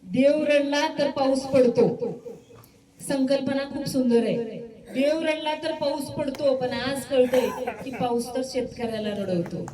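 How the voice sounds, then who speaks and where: A woman's voice: sits high, unhurried. A woman hosting a children's speech contest, commenting live from the stage between speeches. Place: echoing event venue with audience. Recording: echoey, distant mic, clear crowd noise.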